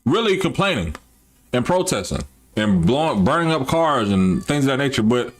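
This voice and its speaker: A man hosting a live stream, talking casually and straight to his chat. His delivery rambles, with frequent restarts and easy slang. His voice sits at an ordinary middle pitch for a man. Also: sing-song, moderate pace. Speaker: livestream host.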